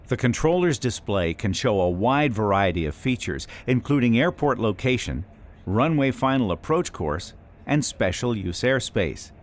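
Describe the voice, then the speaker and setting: A man with a voice on the low side reads scripted instructional narration for a training video, measured and explanatory.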